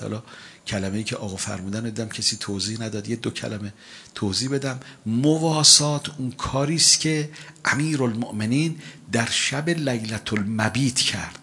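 Husky-voiced male cleric preaching. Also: mid-range voice, fairly bright tone. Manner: slow chanted Arabic quotations, rising exhortations. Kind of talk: sermon.

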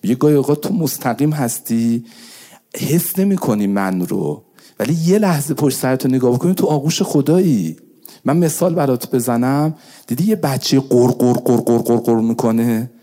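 Man, preacher, dark mellow tone, hushed pleading then fervent raised cries. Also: mid-range voice. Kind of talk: religious sermon.

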